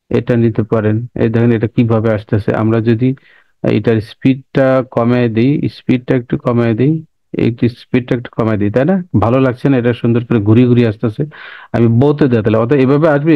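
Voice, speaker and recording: A man teaches a software class over a screen recording, repeating steps and often checking that listeners follow. His voice is gravelly and he talks fast. The sound is dry and dull. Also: medium pitch, fairly even intonation, no echo. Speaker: instructor.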